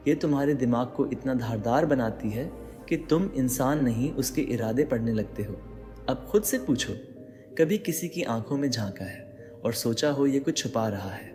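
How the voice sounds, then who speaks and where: Dark in tone and medium in pitch, this man's voice carries a dramatic motivational narration aimed right at the listener, full of rhetorical questions. Long reverb and faint background music color the recording.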